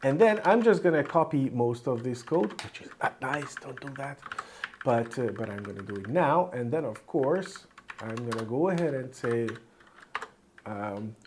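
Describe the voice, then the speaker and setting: Typing as he goes, a man with a mid-range, expressive voice thinks aloud without hurrying in a casual screencast coding lesson; Hungarian is his first language. The clatter of his keyboard and clicks of his mouse come through clearly.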